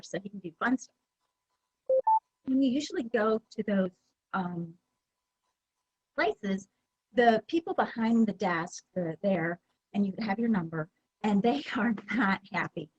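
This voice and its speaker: A woman's voice: mid-range voice, a little mellow, slightly rough, no echo, highs cut off. A woman giving a conference presentation, talking in a conversational way with many fillers and restarts. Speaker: presenter at a user group meeting.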